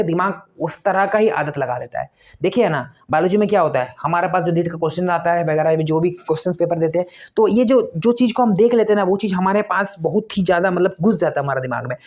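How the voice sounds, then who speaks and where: A man's voice: sits high, darkish tone. A male exam-prep teacher giving motivational study advice to students, emphatic and repetitive, firing off rhetorical questions. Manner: emphatic, repeats points, asks rhetorical questions.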